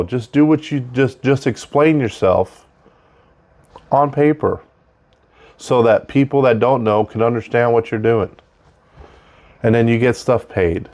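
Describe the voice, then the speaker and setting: A man's voice: lowish voice, a little mellow. A man hosting a casual unscripted monologue, talking conversationally and repeating points for emphasis, with audible breaths between his phrases. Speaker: host of a show about technical trade work.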